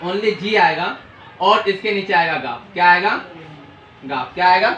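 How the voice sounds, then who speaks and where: A man's voice: high voice, animated, a little slow, pushed and bright, lo-fi sound. A man teaching a language lesson at a board, asking questions and answering them himself in a call-and-response style. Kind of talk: classroom lesson at a whiteboard. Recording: echoey room with faint hiss.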